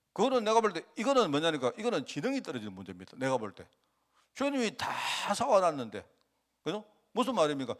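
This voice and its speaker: Lively, animated male pastor preaching. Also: on the high side. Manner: conversational preaching, rhetorical questions, acts out quotes. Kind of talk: sermon.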